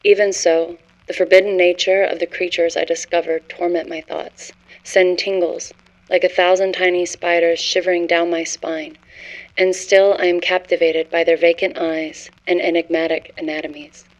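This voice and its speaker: A woman's voice: lowish voice, little pitch movement, normal speed, close to an everyday voice, low-quality recording. A woman narrating a scripted horror story as a haunted scholar, in a grave, literary first-person manner. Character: haunted scholar confessing forbidden cosmic horror discovery.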